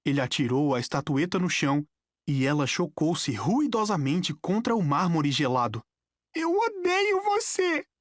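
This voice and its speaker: Woman narrator with a Brazilian accent, deep and very lively, dramatic audiobook reading. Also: normal speed, no room sound, studio quality. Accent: Brazilian Portuguese. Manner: dramatic, expressive storytelling. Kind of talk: scripted narration.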